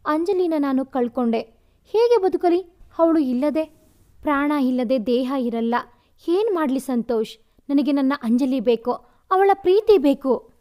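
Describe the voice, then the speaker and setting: A man's voice: very high voice, animated, unhurried, warm tone. A woman voicing a devoted, heartbroken young man who pleads tearfully in a storybook narration. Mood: despairing.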